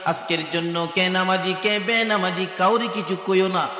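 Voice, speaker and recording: A man's voice: sits high, steady tone, moderate pace, bright, forceful tone. A man from preaching a sung waz sermon at a religious gathering, chanting in a melodic, wailing way. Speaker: Islamic preacher. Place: large religious gathering over loudspeakers. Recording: echoey hall sound with faint music.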